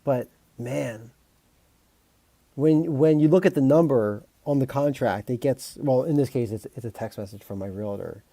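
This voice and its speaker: Rambling man with a mellow, dry voice. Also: medium pitch, normal speed, gravelly, no echo. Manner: rambling, talks to chat, frequent restarts and fillers; exasperated, joking, mild swearing. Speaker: composer streaming live. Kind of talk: casual live-stream chat.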